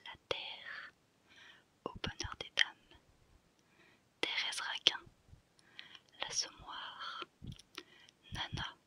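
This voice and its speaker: A woman whispering softly in a hushed, breathy library whisper, reading out a list in an ASMR style and repeating phrases. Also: dry recording.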